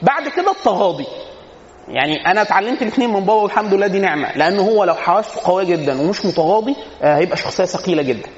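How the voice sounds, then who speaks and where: A man's voice: high voice, lively intonation, racing, slight background noise. A man with an Egyptian accent giving a casual religious lecture on family life. He talks with humor and keeps answering his own rhetorical questions. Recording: echoey hall, dull lo-fi sound.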